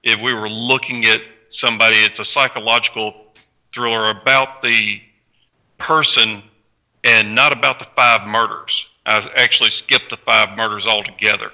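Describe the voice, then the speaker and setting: An American man from Tennessee casually introducing his work as a panel guest, with halting phrasing. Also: on the low side, steady tone, bright, forceful tone, low-quality recording. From Tennessee, United States. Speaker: novelist, podcast panel guest. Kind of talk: casual spoken book introduction.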